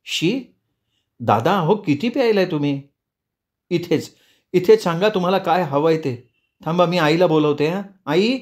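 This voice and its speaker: A frightened young woman from a spoken storybook, pleading to be let go, as a male narrator puts her on. The voice is pitched well up, and each line comes out fearful and imploring. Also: expressive, a little slow, long pauses. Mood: alarmed.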